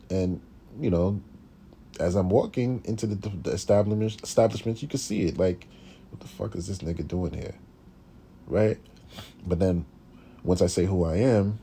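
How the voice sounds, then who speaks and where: A man's voice: deep voice, slight background noise. A man, a classical pianist telling his story in a blunt, profane, casual way. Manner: blunt and profane, with animated impressions of others.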